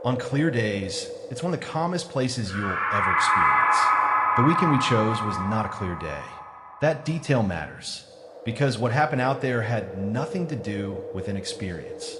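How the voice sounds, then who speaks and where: Low-voiced man narrating suspenseful horror. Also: sing-song, moderate pace, very noisy. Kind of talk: scripted first-person horror narration.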